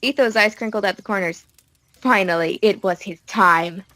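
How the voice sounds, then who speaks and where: A woman narrating an audiobook in a steady storytelling manner. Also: mid-range voice, moderate pace, dry recording, poor audio.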